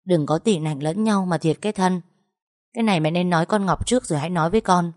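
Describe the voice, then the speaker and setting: A woman's voice: fairly low pitch, fast talker, a little mellow, no room sound, lightly acted. Brief: woman voicing a storybook mother, coaxing and pleading, dry close sound. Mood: lecturing. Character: coaxing middle-aged mother, eager to please.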